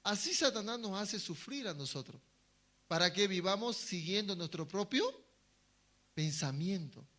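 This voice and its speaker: A man's voice: high voice, expressive, measured pace, pushed and bright. A man preaching a sermon to his congregation, asking them questions and answering them himself, sometimes acting out short quoted voices. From Bolivia. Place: church hall.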